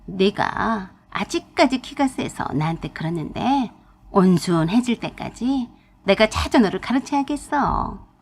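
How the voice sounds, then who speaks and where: A woman's voice: medium pitch, lively intonation, a little slow, slightly rough. A woman voicing a domineering elderly mother-in-law who scolds and talks down to her daughter-in-law in a storytelling narration. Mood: scolding.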